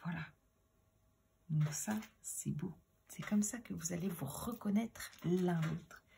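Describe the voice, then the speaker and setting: A low, gravelly woman's voice reads tarot cards in an unhurried, musing way, often sinking into a hushed whisper. Faint noise sits under the recording. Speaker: tarot reader. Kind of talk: tarot reading.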